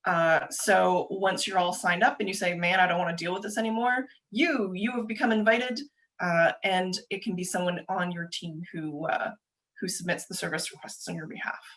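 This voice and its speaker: A young adult woman giving a quick, chatty webinar presentation over a video call, explaining steps with frequent ums and uhs. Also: on the low side, a bit bright. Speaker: presenter for a government agency.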